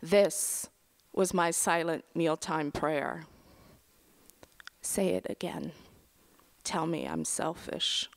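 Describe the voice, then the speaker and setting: Woman reading a memoir aloud, slow and low. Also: creaky. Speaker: writer reading her essay. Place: stage at a lectern in a large auditorium. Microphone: lectern microphone.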